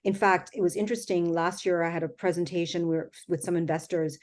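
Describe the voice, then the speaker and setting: A woman's voice: lowish voice, fairly even intonation, a little fast, darkish tone. A middle-aged woman from Jamaica with a Jamaican accent, chatting easily as a guest in an interview, often laughing. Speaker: guest, company founder. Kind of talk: casual interview talk.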